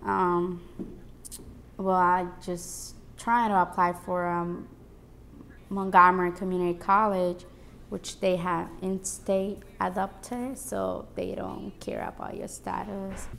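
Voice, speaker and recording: Young woman, late teens, gravelly low-ending voice, hesitant interview answers. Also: steady tone, takes it slowly, fairly bright tone, slight background noise. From El Salvador. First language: Spanish. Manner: earnest, hesitant with fillers. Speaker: student activist. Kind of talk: interview testimony.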